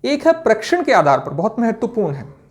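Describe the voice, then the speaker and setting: A man's voice: high voice, sing-song, a little fast. A male lecturer giving an exam-prep lesson, who explains step by step and asks and answers his own questions.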